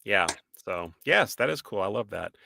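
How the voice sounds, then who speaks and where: A man with a Boston accent co-hosting a live-stream podcast, chatty and animated, reading out viewer comments and quizzing his co-host. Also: fairly low pitch, normal speed, gravelly. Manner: animated, reads out viewer comments, laughs often. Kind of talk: casual live-stream chat.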